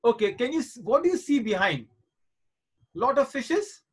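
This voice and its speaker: Guy in his 40s teaching kids on a video call, really high voice, keeps reassuring them and saying things twice. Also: sing-song, normal speed, breathy edge. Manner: reassuring, coaxing, repeats points. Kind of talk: live online class for children.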